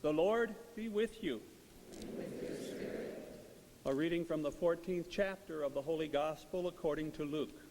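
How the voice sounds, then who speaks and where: Priest in an echoing church, long reverb. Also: male voice, a little high, unhurried, long pauses, a little mellow, a little hiss or hum. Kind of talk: liturgical gospel reading and homily.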